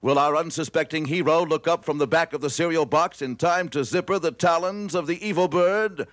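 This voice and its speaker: A man's voice: fairly high pitch, brisk, no room sound, close to an everyday voice. An actor playing a bombastic announcer, a man narrating a superhero radio serial in a mock-dramatic, melodramatic way. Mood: excited suspense. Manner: grandiose, melodramatic.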